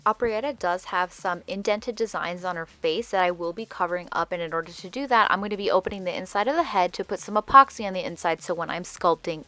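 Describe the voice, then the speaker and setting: A woman's voice: mid-range voice, pushed and bright. A woman with braces slightly altering her speech, giving a chatty, candid voice-over for a craft tutorial. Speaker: doll repaint tutorial host. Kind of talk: casual voice-over tutorial narration.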